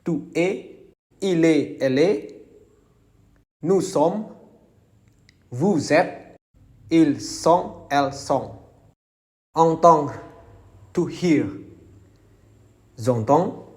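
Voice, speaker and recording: A man reciting verb conjugations slowly and clearly as a language teacher. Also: on the high side, lively intonation. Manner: slow, deliberate, enunciated recitation. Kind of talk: slow conjugation drill.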